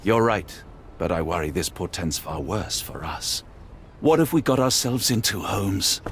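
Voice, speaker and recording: A decent, formal doctor in a detective game. His voice sits fairly low and swings with earnest feeling. A light bed of ambient noise runs behind it. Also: lively intonation, measured pace. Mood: grave, worried. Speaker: video game voice actor. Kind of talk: dramatic mystery game dialogue.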